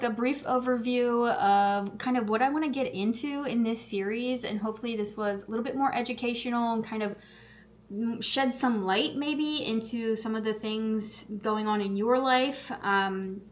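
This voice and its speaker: Chatty woman vlogging, lots of "like". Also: a little high. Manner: chatty, lots of "like" fillers, quick asides; laughs at herself often. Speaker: health vlogger. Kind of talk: casual vlog chat to camera.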